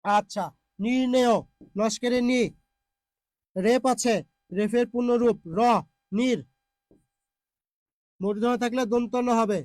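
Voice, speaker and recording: A man's voice: very high voice, steady tone, slow, long pauses, darkish tone, no echo, clean studio sound. A man who is unwell teaches Bengali spelling and pronunciation in a live online class, reading out viewer comments and patiently repeating words to drill them.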